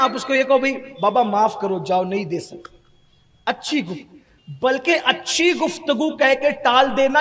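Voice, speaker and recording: A man preaching an impassioned sermon, moving between hushed storytelling and shouted exhortation. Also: very high voice. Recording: long hall reverb.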